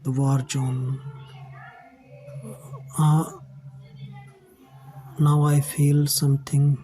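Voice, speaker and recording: A man from India with an Indian English accent, telling his own life story to his viewers in a halting, earnest way. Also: mid-range voice, little pitch movement, noisy background. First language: Hindi. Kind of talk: personal storytelling to camera.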